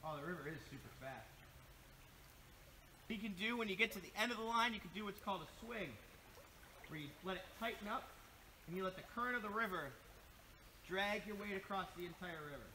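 A man, talking through his technique step by step in an easygoing way. His voice is bright and a little high, picked up by a camera a few steps away outdoors. A faint hiss of river water runs under it. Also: lively intonation, brisk, pauses often. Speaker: fishing guide host. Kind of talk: outdoor instructional vlog. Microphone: camera mic at a distance.

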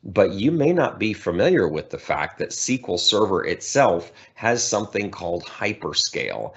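A man's voice: deep voice, very animated, normal speed, fairly bright tone. A middle-aged man giving a conference keynote over a video call, explaining in a conversational way with light humor. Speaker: keynote speaker.

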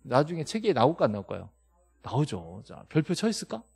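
Animated, scolding male law lecturer. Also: mid-range voice, brisk, vocal fry, slightly rough. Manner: animated, scolding and joking with students, rhetorical questions. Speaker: real estate law instructor. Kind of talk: classroom lecture. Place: classroom.

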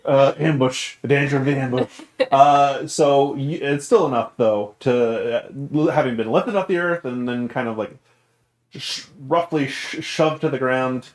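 A man of middle pitch running a tabletop game, narrating with frequent pauses and fillers. His voice rings in a roomy space with a clear echo around it. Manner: hesitant, many fillers, jokey. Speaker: game master.

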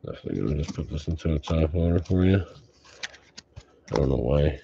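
Wearing a face mask, a man with a very deep, creaky voice talks briskly and expressively while hosting a sports card break at an indoor tabletop card-opening setup. His running commentary is laid-back and casual, with offhand swearing. The audio is dull and muffled, with background noise.

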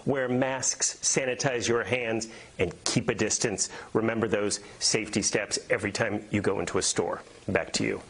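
A middle-aged man reporting live for TV news from a room at home, with a measured, emphatic delivery. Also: fairly low pitch, steady tone, fairly bright tone. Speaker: investigative reporter.

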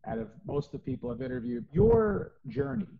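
A man hosting a college sports interview over a video call, asking questions in an upbeat, animated way. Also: very high voice, brisk, creaky. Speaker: sports information director, interview host. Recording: dull lo-fi video call audio with faint noise.

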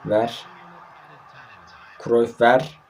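A man's voice: medium pitch, little pitch movement, drawn-out words, vocal fry. A young man from Turkey giving casual, frustrated commentary while playing a mobile football game, grumbling and swearing often.

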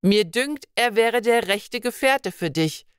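A woman voicing a kindly, wise old woman of the forest in a storybook reading, speaking slowly and gently in old-fashioned phrases. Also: a little high, animated, clear, resonant tone, no room sound, clean studio sound, voice pushed up. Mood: gentle. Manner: slow, gentle, archaic speech.

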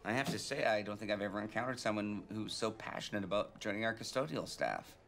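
A polite hiring manager who is awkward and hesitant. He talks quickly over faint background noise. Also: on the low side, lively intonation, vocal fry, fairly bright tone.

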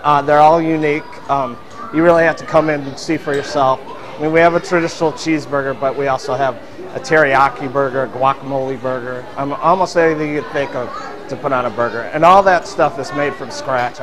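A middle-aged restaurant owner answers on-camera interview questions while seated in a busy dining room, with diners chattering behind him. His voice is a little high, fairly even, and fairly quick, full of fillers and restarts.

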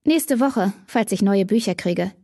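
A woman's voice: mid-range voice, animated, a little slow, warm tone, dry recording. A woman voicing an exasperated, bookish teenage girl in an audiobook, with a dry close sound. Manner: exasperated, defensive.

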